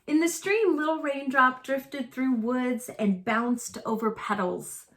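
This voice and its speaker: A woman reads a picture book aloud to young children in a fairly high, slightly bright voice. She speaks very slowly and deliberately, with simple phrasing suited to storytime.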